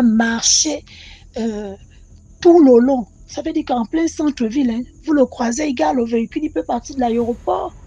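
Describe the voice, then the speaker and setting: A woman recounts a personal mystical experience to the channel in lively, repetitive storytelling. Her voice sits high but sounds mellow and husky. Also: no room sound. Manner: animated, repetitive, addresses the channel directly. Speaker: caller sharing a personal story.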